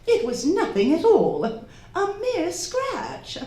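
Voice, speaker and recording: Her very high voice swings hugely in pitch, dark in tone and heavily exaggerated, as she plays an indignant society hostess and would-be medium in a live radio drama. She scolds imperiously with haughty indignation, stretching her lines theatrically. The stage recording echoes with room sound.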